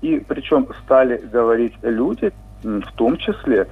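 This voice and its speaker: A man's voice: mid-range voice, very animated, breathy edge. A man, a linguistics professor, calling in to a radio show and explaining a point at length with frequent hesitations. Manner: measured, lecturing with many hesitations. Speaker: linguistics professor, phone guest. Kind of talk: radio phone interview. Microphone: phone. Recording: tinny phone line with faint music.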